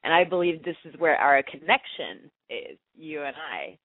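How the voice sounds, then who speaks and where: A woman's voice: sits low, big pitch swings, moderate pace, dry recording. A woman in her thirties from France with a French accent, a guest actress chatting casually and laughing easily. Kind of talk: casual interview chat. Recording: tinny dry phone-like line.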